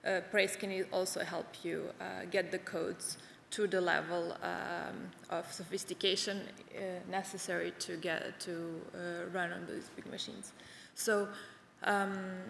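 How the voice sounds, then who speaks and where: A woman's voice: on the low side, level tone, measured pace, creaky, a bit bright, a little hiss or hum. A woman in her thirties giving a conference keynote from a stage, talking with many hesitations and restarts. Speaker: award-winning researcher giving keynote. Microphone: podium microphones. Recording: echoey hall with long reverb.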